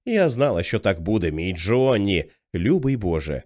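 A man's voice: fairly low pitch, big pitch swings, normal speed, a little mellow, voice pushed down. A man reading the part of a middle-aged religious mother, fervent and rising to hysterical cries. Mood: ecstatic. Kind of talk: audiobook character reading.

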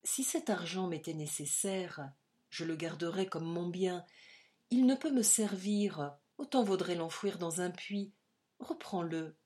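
A woman's voice: fairly low pitch, expressive, a little slow, warm tone. A woman reading the part of a proud, passionate young man in love, in a fervent, pleading manner, for an audiobook. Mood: firm.

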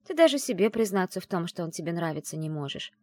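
A woman reading an audiobook and voicing a brash, teasing young woman who is the heroine's best friend, talking in a loud, mocking, bossy way. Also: on the low side, very animated, fast, no room sound, studio quality.

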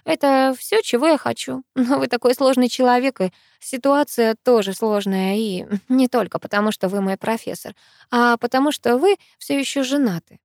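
A woman's voice: a little high, moderate pace, darkish tone, dry recording, studio quality, natural voice. A woman voicing a hurt young female student who presses with pointed questions, in an audiobook. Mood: heartfelt.

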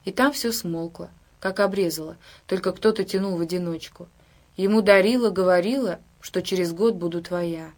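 A woman's voice: on the low side, normal speed. Woman reading a story aloud. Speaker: audiobook reader. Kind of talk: scripted narration.

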